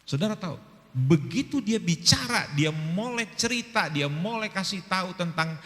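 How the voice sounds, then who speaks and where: A man's voice: high-pitched, lively intonation, normal speed, fairly bright tone, big-room sound. A male pastor in his fifties preaching a sermon, telling stories animatedly and acting out quoted dialogue.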